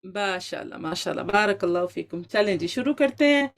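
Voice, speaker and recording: A woman teaches a Quran recitation class online. She quizzes her students and praises their answers as she goes, with English words mixed into her Urdu. Her voice sits at a middle pitch for a woman. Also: animated.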